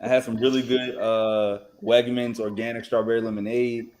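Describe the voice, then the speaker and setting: A man co-hosting a casual chat, quick with teasing remarks. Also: medium pitch, level tone, a crowd in the background.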